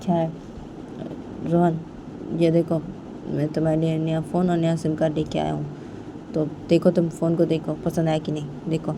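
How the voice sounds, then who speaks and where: A woman voicing an apologetic young man who softly coaxes his partner, over vehicle noise. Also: deep voice, monotone, moderate pace, long pauses. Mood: coaxing. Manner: soft, coaxing, repetitive.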